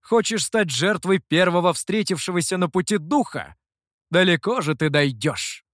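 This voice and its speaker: A man as a stern, menacing dark master. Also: high voice, lively intonation, moderate pace, no room sound, clean studio sound, voice pushed up. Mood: firm. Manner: stern, threatening.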